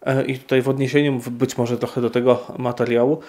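A man, a priest, answering viewer questions in an unscripted Q&A, speaking in a measured way with frequent hesitations. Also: mid-range voice, little pitch movement, a little mellow.

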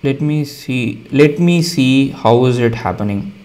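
A man with an Indian accent hosting a casual coding tutorial, explaining each step in a relaxed way with frequent ums and uhs. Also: mid-range voice, a little slow. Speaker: tutorial host.

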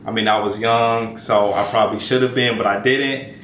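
Talking fitness from his home kitchen, this man in his thirties vlogs casually to camera, loose and chatty, often filling pauses and starting over. He has a lowish voice and speaks at normal speed. Sound comes from a camera mic held at arm's length in an echoey room with faint noise behind it.

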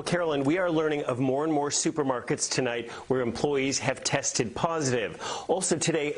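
Middle-aged male TV reporter, emphatic. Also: a little high. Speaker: investigative reporter. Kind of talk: live TV news report. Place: home room, indoors.

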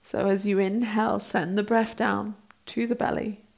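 A woman in her thirties leads a guided breathing exercise as an instructor. Her voice sits at an average pitch. She gives step-by-step directions gently and without hurry, leaving space between phrases. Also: level tone, vocal fry. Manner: gentle, unhurried guiding with pauses. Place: small bright indoor room, seated on a mat.

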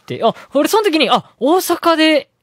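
A man's voice: very high voice, very animated, measured pace, a bit bright, no room sound. A young man with a Hyogo Kansai accent, co-hosting a radio show in laid-back casual chat with dry wisecracks. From Hyogo, Japan. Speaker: radio co-host.

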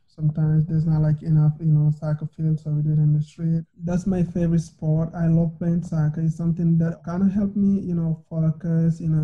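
A young man from Senegal, French his first language, answers questions as a guest over a video call. His delivery is flat and relaxed, with many fillers. The audio is dull and lo-fi. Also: a little high. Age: young adult. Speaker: former college soccer player, guest.

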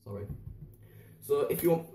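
A man's voice: medium pitch, very noisy. Rambling male vlogger, self-mocking how-to chatter, echoey home kitchen. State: slightly out of breath. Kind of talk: casual how-to vlog. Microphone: camera on a tripod.

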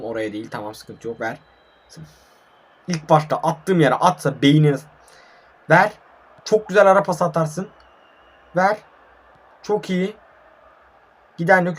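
A man's voice: on the high side, slightly rough. A young man giving live commentary over his own online football match, frustrated and swearing as he plays. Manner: frustrated, swearing, talking to himself and viewers.

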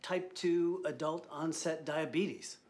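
An actor playing a dry, matter-of-fact doctor in a comedy series. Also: male voice, a little high, slow, a little mellow, a little hiss or hum. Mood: deadpan.

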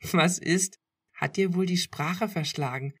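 A woman's voice: lowish voice, steady tone, unhurried, voice pushed up. A woman reading aloud who voices the narrator's teasing, emotional young girlfriend with a slightly lifted tone. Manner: tearful then giggly and teasing.

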